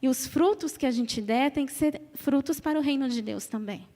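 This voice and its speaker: In a reverberant church hall, a woman in her thirties from Brazil delivers an emphatic sermon, repeating phrases and urging the congregation to respond. She speaks with a Brazilian Portuguese accent in a high-pitched, warm voice at a moderate pace.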